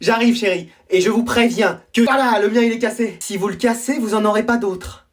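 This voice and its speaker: A comedian acting out short school and family sketches, switching quickly between characters. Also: mid-range voice. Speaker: sketch comedian playing all parts. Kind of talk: comedy sketch role-play.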